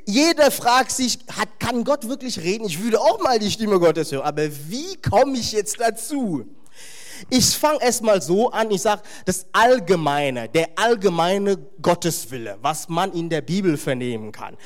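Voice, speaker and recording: Animated high-voiced male preacher. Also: a little slow. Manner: animated, emphatic, with wry humorous asides. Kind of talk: sermon.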